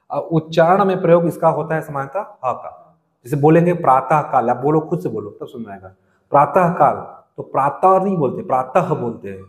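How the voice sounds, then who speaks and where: Lecturing in a coaching classroom, a teacher with a Chhattisgarh Hindi accent and a fairly high male voice keeps asking his class questions and supplying the answers himself, while a long reverb lingers around the room.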